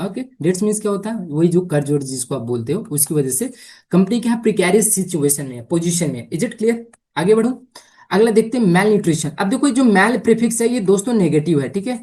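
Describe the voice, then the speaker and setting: Mellow-voiced woman teaching vocabulary. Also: medium pitch. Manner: explains patiently, checks in often with "is it clear?" and "simple"; mixes Hindi explanation with English words and sentences. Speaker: English teacher. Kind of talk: exam-prep vocabulary lesson.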